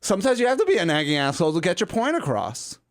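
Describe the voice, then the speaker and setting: Higher-voiced guy hosting a chat show, pushy and teasing, swears a lot. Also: huge pitch swings, fast talker. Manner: blunt, teasing, swears freely. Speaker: podcast host. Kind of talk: casual chat.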